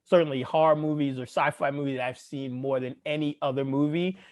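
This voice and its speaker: A man co-hosting a casual podcast chat, talking in animated, profane, laughing banter. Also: fairly high pitch, fairly quick. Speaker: podcast co-host.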